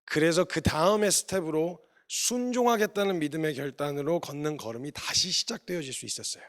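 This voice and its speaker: A man's voice: a little high, brisk, fairly bright tone. A man missionary preaching a sermon, telling stories and acting out the dialogue, earnest and confessional.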